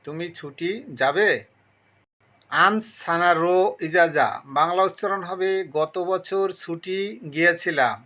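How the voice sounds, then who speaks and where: A man's voice: high voice, sharp tone. A man giving a phrase-by-phrase language lesson, methodically explaining each word and then repeating the full meaning. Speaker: language teacher.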